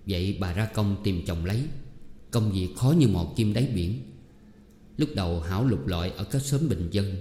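A man reading a novel aloud as a steady narrator. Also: low-pitched, normal speed. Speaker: audiobook narrator. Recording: roomy hall echo, faint music.

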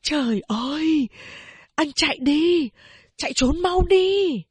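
A woman's voice: animated, takes it slowly, dry recording. A woman voicing a desperate elderly mother, speaking in an urgent, pleading way. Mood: frantic. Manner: urgent pleading, high and strained. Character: elderly mother, frantic and tearful.

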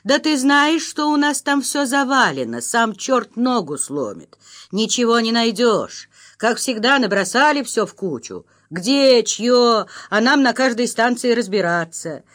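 Woman reading as a young male postal worker, chatty, explaining, audiobook, animated pitch. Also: a little slow.

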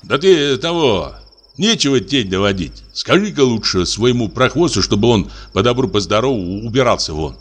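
A man's voice: mid-range voice, lively intonation, moderate pace, natural voice. A man voicing a drowsy, grumbling assistant prosecutor who brushes off his wife's fears. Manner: drowsy, grumpy and dismissive. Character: sleepy, grumbling male assistant prosecutor, middle-aged.

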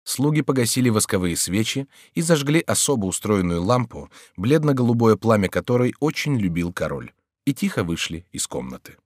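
Low-voiced expressive male narrator. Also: a little fast, no echo, clean studio sound. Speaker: audiobook narrator. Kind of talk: scripted narration of a historical novel.

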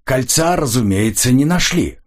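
A man voicing a cool, measured older colonel who questions calmly and dryly in an audiobook. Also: mid-range voice, voice pushed up, lightly acted. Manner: calm, dry, probing.

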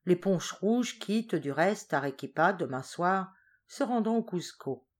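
A woman's voice: fairly low pitch, animated, measured pace. A woman reading an audiobook voices a sly male war minister who reports carefully to his master. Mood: cautious.

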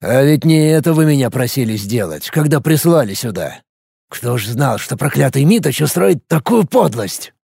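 A man doing a gruff, curt lord-commander. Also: mid-range voice, big pitch swings, moderate pace, warm tone, dry recording, studio quality, full character voice. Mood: irritated. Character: stern male lord-commander, gruff and irritable.

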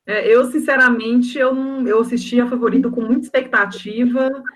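A Brazilian woman with a fairly high voice gives frank opinions in a casual roundtable. She restarts her phrases often. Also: steady tone, normal speed. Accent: Brazilian Portuguese. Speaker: panelist.

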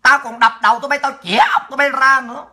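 A woman's voice: high voice, fairly even intonation, quick pace, pushed and bright. Profane, taunting woman ranting. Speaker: political livestream host. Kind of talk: angry ranting monologue.

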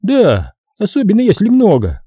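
A man voicing a calm, talkative male doctor in an audiobook, speaking in a soothing, glib way. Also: high-pitched, normal speed, breathy edge, no room sound, studio quality, pitched above the performer's own voice, exaggerated voice. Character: smooth, chatty male doctor, oddly calm.

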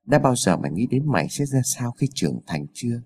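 A man voicing an older, cold and mocking evil double of the hero, speaking low and quietly in a taunting way. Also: big pitch swings, brisk, gravelly, breathy edge, full character voice.

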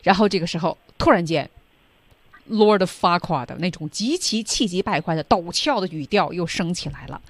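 Woman, radio host, english lesson, lively pitch, lowish voice, dry studio sound. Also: normal speed, no room sound. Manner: chatty, animated reactions.

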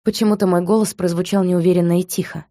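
Woman audiobook narrator, low and mellow voice, dry close sound. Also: fairly even intonation, quick pace, dry recording. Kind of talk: first-person scripted narration.

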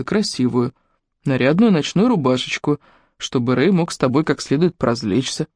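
A woman's voice: low voice, no echo. A woman reading the part of a cruel middle-aged stepfather in a storybook reading, his voice honeyed and coaxing with a threatening edge. The recording is close and dry, with no room sound. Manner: wheedling, honeyed voice turning to threatening shouts.

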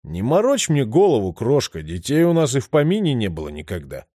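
A man's voice: mid-range voice, wildly swooping pitch, a little fast, dark tone, dry recording, studio quality. A man voicing a coarse, menacing heavyset brute. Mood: scornful. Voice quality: coarse, leering. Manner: growling, aggressive. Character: crude menacing heavyset man, middle-aged.

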